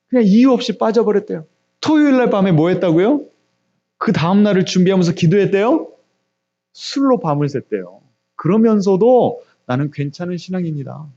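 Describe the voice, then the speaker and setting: A man preaching an early-morning sermon as pastor, asking the congregation questions and answering them himself. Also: muffled recording. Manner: acts out God's words in a quiet low voice.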